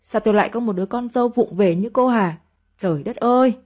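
A woman voicing a bitter elderly mother-in-law who scolds her daughter-in-law in shrill, nagging tirades. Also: expressive, a little fast, darkish tone, lightly acted. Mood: scolding.

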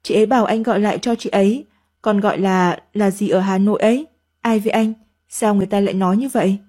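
A woman voicing a soft-spoken, polite young wife in a read-aloud story. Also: mid-range voice, steady tone, fast talker, close to an everyday voice. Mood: gentle.

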